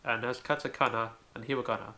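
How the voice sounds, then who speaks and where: Gravelly man explaining step by step. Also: medium pitch, steady tone, fast, bright, forceful tone. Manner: careful, step-by-step explaining with frequent "so". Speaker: language video host. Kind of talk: home-made tutorial.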